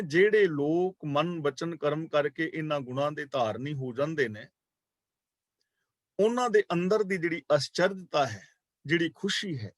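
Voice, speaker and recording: A man leading a scripture class in a calm, measured voice that sits a little higher than most men's. He chants each verse slowly, then explains it patiently and repeats key words to drive the point home. The sound is dry and close, with no room echo. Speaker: Sikh scripture teacher.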